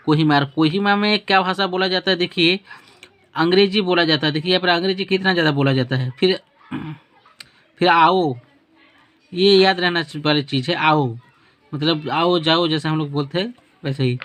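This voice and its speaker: A male teacher gives a spoken lesson using a map, his voice on the high side, a bit bright, at a moderate pace. He poses questions and answers them himself, repeats words, and fixes his own slips along the way.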